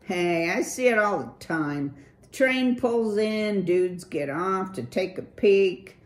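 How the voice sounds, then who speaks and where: A woman voices a cool young male city mouse, lifting her mid-range voice and speaking slowly with lively intonation. He talks in a breezy surfer drawl and keeps calling everyone "dude."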